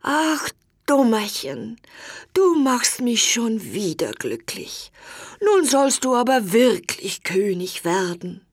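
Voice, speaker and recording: A woman's voice: big pitch swings, husky, dry recording, studio quality, full character voice. A woman voicing an old, weak and kindly king and father from a fairy tale, drawing out his words in a raised voice. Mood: joyful. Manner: slow, drawn-out, raised pitch.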